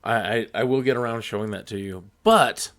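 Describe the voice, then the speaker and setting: A man's voice: medium pitch, normal speed, fairly bright tone. A man hosting a flight simulator tutorial, talking in a casual, rambling, jokey and folksy way.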